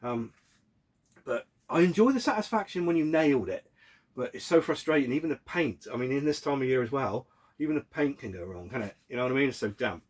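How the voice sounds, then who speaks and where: A man's voice: medium pitch, lively intonation, brisk. A British man with a sore throat from a cold, chatting casually and hesitantly to camera as he answers viewers' questions in an informal, rambling way.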